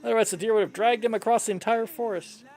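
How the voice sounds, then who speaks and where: A man's voice: high-pitched, fairly even intonation, quick pace, a little mellow, voice pushed up. A man voicing a worried peasant wife earnestly pleading for help in a fantasy game.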